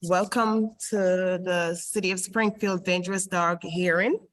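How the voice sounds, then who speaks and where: A woman with a slightly low voice chairs a public board hearing, heard over an online group voice call. Her delivery is formal and procedural, dotted with ums and small restarts as she moves through the agenda. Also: steady tone, a little slow. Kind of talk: formal meeting chairing and reading into the record.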